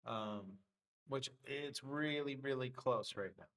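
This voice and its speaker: Male livestream host with a worn voice, loose filler-heavy chart talk, mid-range pitch. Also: takes it slowly, a bit bright, low-quality recording. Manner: loose, thinking aloud with many fillers. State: voice getting worn. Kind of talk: casual live trading commentary.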